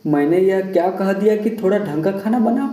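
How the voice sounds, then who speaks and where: A man's voice: high voice, normal speed, dark tone, natural voice. A man voicing an irritable young husband who scolds in a harsh tone. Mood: irritated. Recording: roomy echo.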